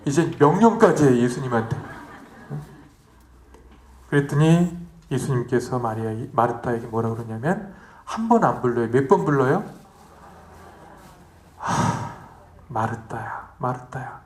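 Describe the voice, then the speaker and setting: Lively priest preaching in an echoey hall. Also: male voice, mid-range voice, moderate pace, long pauses. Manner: lively, asks the audience questions, acts out the story in quoted voices. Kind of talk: retreat sermon.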